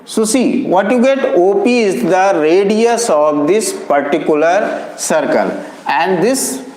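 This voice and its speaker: A man teaching maths, calling his students children and repeating key terms slowly. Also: sits high, animated, darkish tone. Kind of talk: classroom lecture. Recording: echoey classroom with long reverb.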